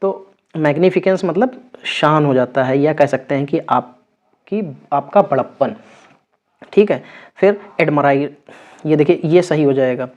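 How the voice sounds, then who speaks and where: A man's voice: on the high side, measured pace, pauses often, darkish tone, highs cut off. A man teaching an exam vocabulary lesson, going over word meanings and checking in with his students after each one. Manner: repeats words with frequent check-ins.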